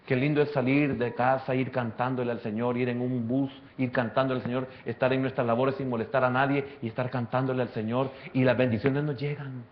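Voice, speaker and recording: A man's voice: medium pitch, little pitch movement, brisk, hardly any pauses, muffled recording, a little hiss or hum. A man, a pastor preaching an impassioned sermon and calling listeners brother. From El Salvador. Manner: impassioned preaching, swings from soft asides to loud climaxes; addresses listeners directly as brother.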